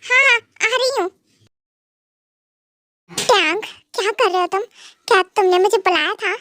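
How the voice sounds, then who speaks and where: Naughty young wife, whiny and sulky, for a fan dub, voiced by a young woman with a very high voice. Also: a little slow, sharp tone, full character voice. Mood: pouty. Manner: whiny, pouting.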